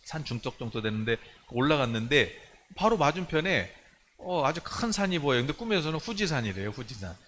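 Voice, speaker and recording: A man's voice: medium pitch, sing-song, a little fast, a bit bright. A man preaching a sermon as pastor, recounting a dream and acting out the voices in it. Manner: storytelling, acting out his own dream with rising urgency. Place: church sanctuary. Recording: faint background noise in a church.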